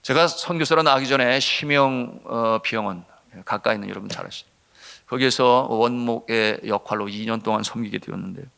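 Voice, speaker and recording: A man's voice: mid-range voice, a little fast, gravelly, clean tone. Impassioned middle-aged male pastor preaching. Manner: impassioned, swinging from loud to hushed, addresses the congregation. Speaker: senior pastor. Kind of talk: sermon with personal testimony.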